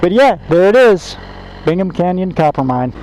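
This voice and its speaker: A man's voice: high voice, very animated, normal speed, a little mellow. An American man telling stories in a casual motovlog style, talking from inside a motorcycle helmet and repeating phrases for emphasis. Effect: muffled inside a motorcycle helmet. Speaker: motovlogger and car salesman. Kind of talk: casual storytelling to camera while riding. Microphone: microphone inside helmet. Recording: helmet mic with clear engine and road noise.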